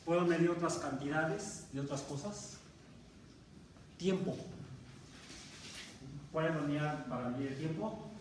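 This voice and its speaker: A man with a Mexican Spanish accent lectures to a class, his voice a bit high for a man. He is picked up from far off by a camera, so the room's heavy echo and a steady background noise come through. He often asks the class questions and breaks off words mid-way. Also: unhurried, pauses often. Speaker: university math teacher. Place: university classroom. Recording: very echoey classroom recorded from far off, noisy.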